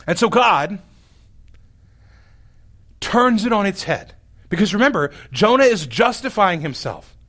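A man's voice: high-pitched, sing-song, measured pace, pauses often, a bit bright. A man preaching a sermon, telling a scripture story in a wry, exasperated way. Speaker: pastor.

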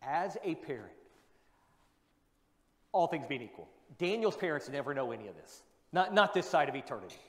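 A man's voice: a little high, very animated, moderate pace, pauses often, a bit bright. A male pastor preaching a sermon, asking rhetorical questions and repeating his key points for emphasis. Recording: long reverb of a large hall.

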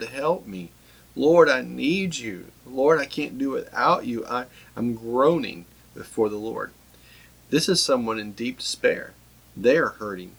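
A man's voice: fairly low pitch, fairly bright tone, slightly rough, poor audio. A man preaching an earnest sermon, often repeating himself and voicing pleading prayers. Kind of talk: sermon broadcast.

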